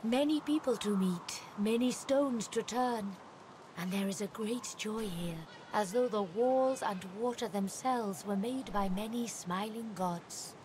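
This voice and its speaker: A woman voicing a serene blind young elf girl seer who speaks in calm, broken, simple phrases. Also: medium pitch, a little slow, natural voice. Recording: noisy game audio.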